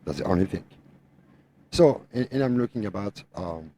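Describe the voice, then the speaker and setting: A middle-aged French man with a low, mellow voice and a French accent tinged with Tennessee. He talks emphatically in non-native English, repeating phrases as he argues his point, with some background noise. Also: lively intonation, normal speed. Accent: French mixed with Tennessee. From France. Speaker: guest truck driver, owner operator. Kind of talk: opinionated podcast talk.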